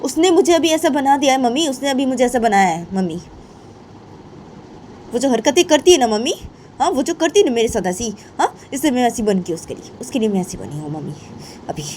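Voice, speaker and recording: A woman voicing a fiery young woman who keeps repeating herself in an insistent, shrill way. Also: animated, a little fast, a little mellow, slight background noise. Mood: angry.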